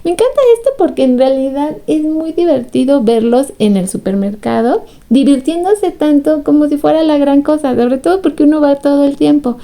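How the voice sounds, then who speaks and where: A woman giving a casual recap commentary as a fan, amused, laughing often and acting out quoted lines in higher voices. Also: moderate pace, few pauses, dark tone.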